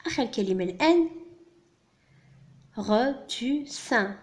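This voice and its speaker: A woman gives a primary school French lesson in a fairly high voice. She reads slowly, pronounces each sound with care and spells words out letter by letter. Between lines she rushes through quick translations for the children. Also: animated. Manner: slow, clearly spelled-out teaching, switching to quick translations. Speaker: French teacher.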